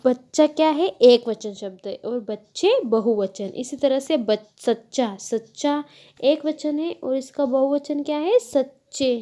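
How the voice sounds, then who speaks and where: Woman teacher, patient step-by-step lesson voice, mellow tone, unhurried delivery. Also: sits high. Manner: slow, patient, explains step by step, self-corrects. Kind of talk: Hindi grammar lesson.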